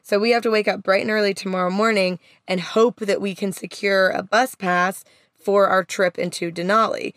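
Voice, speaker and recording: A woman chats casually as a podcast co-host in a small, dry space inside a van. Her pitch sits in the middle for a woman, and she talks in an everyday conversational way. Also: steady tone, normal speed, fairly bright tone, dry recording.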